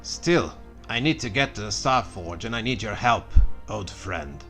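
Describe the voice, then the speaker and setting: A man doing a soft, weary old space knight. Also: on the low side, animated, unhurried, soft background music, pitched below the performer's own voice. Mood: apologetic.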